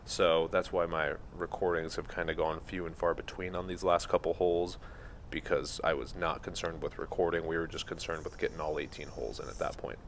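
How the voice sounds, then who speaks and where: A man narrating his golf trip in a relaxed, conversational vlog style. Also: low voice, brisk. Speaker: golf vlogger. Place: outdoors on a golf course. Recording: noisy outdoor recording.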